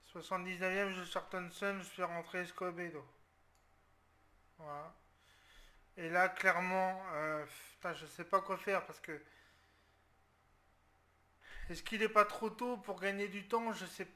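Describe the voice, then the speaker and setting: A man's voice: sits high, steady tone, a little slow, pauses often. A man from France commenting live on his football game, tense and talking through his tactics, with outbursts when things go wrong. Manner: tense, talks through his tactics, bursts into loud outcries. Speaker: gaming video creator.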